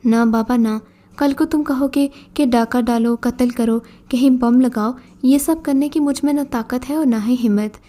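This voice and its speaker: A woman's voice: sits high, steady tone, dark tone, natural voice. Woman reading a desperate poor young man. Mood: pleading. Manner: pleading, confused.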